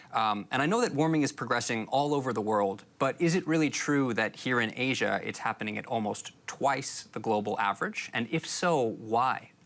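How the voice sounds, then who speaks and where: A man's voice: fairly low pitch, fairly bright tone. A man hosting an interview, asking questions in a conversational, inquisitive way. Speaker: host.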